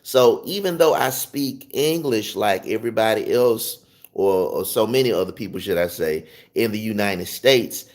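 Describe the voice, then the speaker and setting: A music teacher from Memphis, Tennessee, with a Southern US accent gives viewers an informal lesson in a fairly low voice, at normal speed with lively intonation. He emphatically repeats and rephrases his points.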